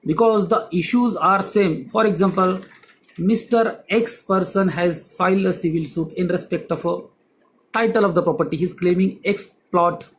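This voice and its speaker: A man's voice: high-pitched, a little hiss or hum, poor audio. A man, an advocate, giving a law lecture with emphatic repetition of key words. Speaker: advocate teaching civil procedure.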